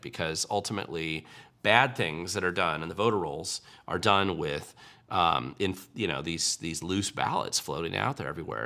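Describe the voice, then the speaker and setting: Deep gravelly man hosting a livestream. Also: pushed and bright. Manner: conversational, frequent ums and restarts, wry. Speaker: livestream host answering viewer questions. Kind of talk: casual political commentary livestream.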